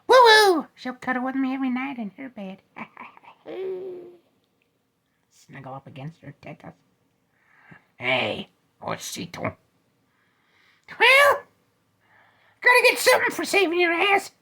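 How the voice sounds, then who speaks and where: A man's voice: huge pitch swings, slow, gravelly, long pauses, sharp tone, exaggerated voice. A man voicing a small, cocky, crude male teddy bear in an old-time radio style comedy. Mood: lewd, cocky. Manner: boastful, lewd, squealing high.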